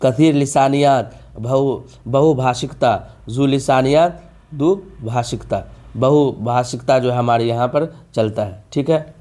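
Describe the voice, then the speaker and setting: A man's voice: medium pitch, dark tone. Man teaching vocabulary, repeating terms. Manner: repeats each term and asks rhetorical questions; drawn-out emphasis on key words. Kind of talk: exam-prep vocabulary lesson.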